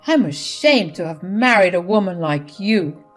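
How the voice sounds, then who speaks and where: A woman's voice: lowish voice, expressive, unhurried. A stern middle-aged husband scolds in a firm, angry voice, as a woman narrator puts him on. He sounds fed up and unbending. Faint music sits under the reading.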